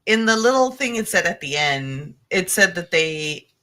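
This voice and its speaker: A woman co-hosting a podcast, chatting in an animated way and joking often. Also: fairly low pitch. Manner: animated, quick to joke and laugh. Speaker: podcast co-host. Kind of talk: casual chat.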